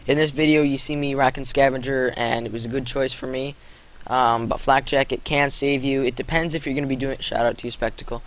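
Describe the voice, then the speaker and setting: A man's voice: mid-range voice, fairly even intonation, a little fast, low-quality recording. A young man giving casual gameplay commentary, rambling with fillers and correcting himself as he goes. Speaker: gaming commentator.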